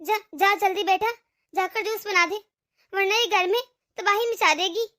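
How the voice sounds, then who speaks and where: A woman's voice: extremely high pitch, moderate pace, sharp tone. A woman voicing a bossy, scheming older mother-in-law in a cartoon, with a nagging, scolding manner. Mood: grumbling. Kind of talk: cartoon voice acting.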